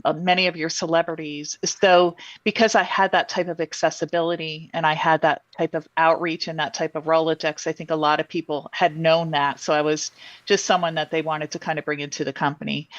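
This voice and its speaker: A woman guest answering interview questions about her career, pausing often with ums and restarting sentences. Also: low voice, no echo, highs cut off. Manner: thoughtful, many ums and restarts. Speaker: guest, insurance executive.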